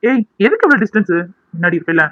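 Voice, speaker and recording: A man's voice: high voice, very animated, quick pace, no room sound, muffled recording. A man voicing a young man in a cartoon, a spurned ex-lover who is mocking, sarcastic and scheming. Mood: wistful, coaxing.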